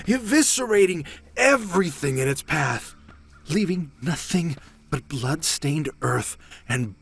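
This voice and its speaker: A man voicing a theatrical wizard who slips into a grand, ominous narrator's tone when he gets nervous. His slightly high voice rises and falls expressively, and he takes his time over every phrase in a comedic fantasy audio drama. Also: a bit bright, breathy edge, heavily acted.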